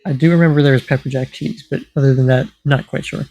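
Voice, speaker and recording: A young man co-hosting a casual podcast chat, measured and matter-of-fact, pausing often with ums. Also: mid-range voice, fairly even intonation, gravelly, dark tone, soft background music, poor audio. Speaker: podcast co-host.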